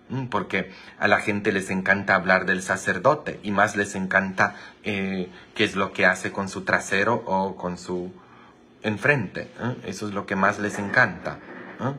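A man's voice: on the low side, sharp tone, slightly rough. A priest telling jokes on a livestream, teasing and quizzing his viewers. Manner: teasing, chatty, asks viewers many questions. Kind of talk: joke-telling livestream chat.

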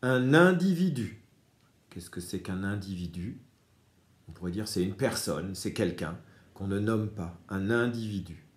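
A man's voice: lowish voice, animated, a little slow. A man teaching a reading lesson to young children, patiently stressing each key word.

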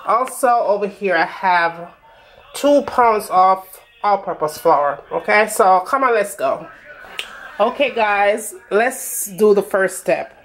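A woman's voice: mid-range voice, animated, slow pace, a bit bright, slight background noise, poor audio. A woman with a Jamaican accent narrating a recipe as a home cook, casually instructing viewers directly. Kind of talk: casual cooking tutorial narration.

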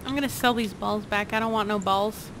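A woman's voice: mid-range voice, steady tone, brisk, fairly bright tone. A young woman playfully and bluntly chatting while gaming with friends. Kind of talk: casual gaming chat. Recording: noisy background.

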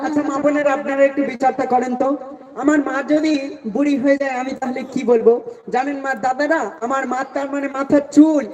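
A man folk singer teasing his opponent and the crowd in a live stage debate, breaking into slow sung verses. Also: very high-pitched, flat delivery, a little mellow, big-room sound. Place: live stage before an audience. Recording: distant, dull live stage recording.

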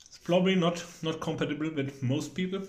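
A man's voice: a little high, fairly quick, reverberant, slight background noise. A young man, chatting casually and hesitantly while trying food in a home cooking video. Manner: rambling, hesitant, joking. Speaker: cooking vlogger. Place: home kitchen.

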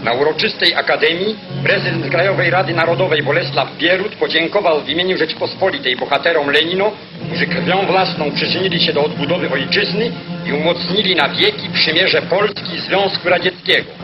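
A man's voice: fairly high pitch, fairly quick. Man narrating an old newsreel, lo-fi. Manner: solemn, official delivery. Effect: old newsreel sound. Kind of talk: formal scripted newsreel narration. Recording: dull lo-fi 1940s newsreel soundtrack with music.

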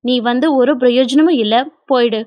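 A woman's voice: fairly high pitch, moderate pace, no room sound, voice pushed down, close to an everyday voice. Woman voicing a cold, curt young husband. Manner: flat, curt and unyielding. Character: cold, bitter young husband, newly blinded.

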